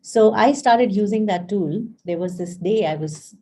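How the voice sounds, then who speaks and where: On a live stream, a woman life coach chats casually in a warm, medium-pitched voice, speaking a little slowly, with slight hiss or hum in the audio. She tells stories and acts out the dialogue, with frequent fillers and restarts and a friendly way of addressing viewers.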